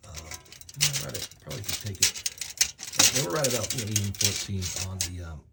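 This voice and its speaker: A man casually narrating a product test, halting as he thinks aloud. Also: on the low side, expressive, gravelly, heavy background noise. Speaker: off-road vehicle vlogger.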